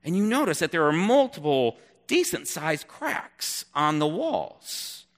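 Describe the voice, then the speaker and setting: A man telling a second-person story in an animated, expressive way, with dramatic pauses. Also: fairly high pitch. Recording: long hall reverb.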